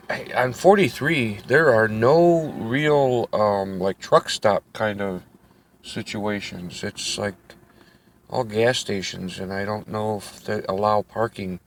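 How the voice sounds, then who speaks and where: A middle-aged man talking casually to the camera while driving, rambling from one joke and aside to the next. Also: on the low side. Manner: rambling, jokey, self-interrupting. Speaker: vlogger. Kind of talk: casual road-trip monologue. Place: inside a car on the road at night. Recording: car engine and road noise.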